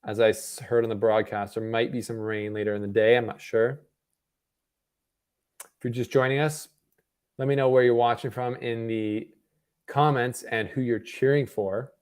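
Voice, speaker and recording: At normal speed but with long pauses, a young Canadian man offers loose commentary on a tennis match to his live-stream audience from a home room. His middle-pitched voice has a clear, resonant tone, and his chatty, relaxed talk is peppered with fillers and self-corrections.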